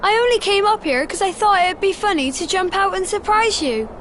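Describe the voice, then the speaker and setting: A timid young boy in a video game, stammering and apologetic, his voice very high. Faint noise sits under the game audio. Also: lively intonation, a little fast, fairly bright tone. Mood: sheepish.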